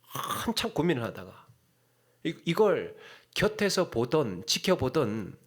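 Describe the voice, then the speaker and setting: A middle-aged man preaching a sermon as a pastor, telling a story with sudden hushed drops and sharp rises for emphasis. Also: mid-range voice, sing-song, a little slow, husky.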